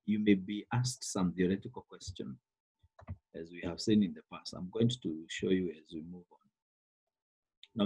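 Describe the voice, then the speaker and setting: A man's voice: fairly low pitch, mellow, breathy edge, rough recording. A man with a Kenyan accent teaching a biology lesson to an online class, repeating words and stressing key terms. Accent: Kenyan English. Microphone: computer microphone on a call.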